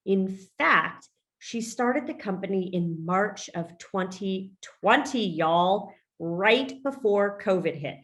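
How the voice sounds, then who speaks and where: A woman's voice: medium pitch, expressive, slow pace, fairly bright tone. A woman hosting a business podcast interview, upbeat and emphatic, now and then saying "y'all". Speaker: podcast host and business coach.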